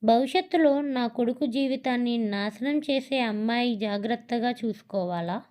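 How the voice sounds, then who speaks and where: A woman's voice: fairly high pitch, moderate pace, a little mellow, close to an everyday voice. A woman reading the lines of a hurt middle-aged wife and mother who speaks with reproach and tears. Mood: reproachful. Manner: reproachful, tearful.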